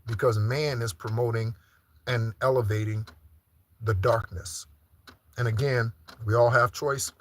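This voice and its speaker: A medium-pitched man with a steady tone preaches a little slowly in an informal online Sunday sermon. He teaches by repeating rhetorical questions and frequently checking in, against slight background noise.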